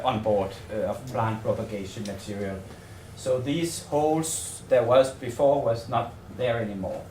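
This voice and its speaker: In a hotel seminar room, a man from Denmark delivers a semi-improvised conference talk on his research in a Danish-accented voice of average male pitch with a darkish tone. He halts and hesitates, frequently repeating words while searching for the right phrasing. The mic is distant, the room echoes, and faint noise sits in the background.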